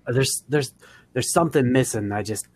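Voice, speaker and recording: A man's voice: mid-range voice, normal speed. A man narrating his moves in a tabletop game, hesitant and thinking aloud. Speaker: player. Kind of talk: casual tabletop game chat.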